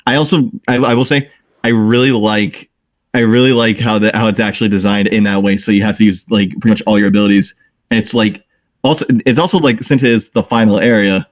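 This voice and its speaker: A man with a low voice co-hosts a relaxed gaming podcast. He teases the others and keeps the talk playful, bantering with an easy sarcasm. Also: fast. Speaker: podcast co-host. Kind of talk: casual gaming podcast chat.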